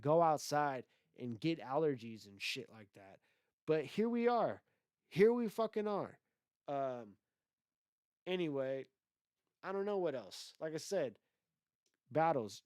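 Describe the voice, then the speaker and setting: A man hosting a solo livestream podcast rambles loosely through a casual rant full of swearing, his voice stuffy with congestion. It's on the high side and a little mellow, with clean studio sound and no room echo.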